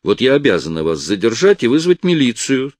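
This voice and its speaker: A man's voice: medium pitch, big pitch swings, brisk, a little mellow, no room sound, close to an everyday voice. A man voicing a suspicious, officious hospital nurse who questions and orders curtly. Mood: interrogating. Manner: curt, interrogating.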